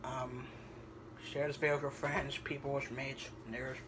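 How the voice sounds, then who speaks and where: A young man rambles through a casual home cooking vlog, hesitating often with ums. He speaks at an ordinary middle pitch. He is picked up by a camera sitting on the kitchen counter, with clear background noise in the recording. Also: little pitch movement, moderate pace. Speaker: vlogger. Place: home kitchen at night, indoors.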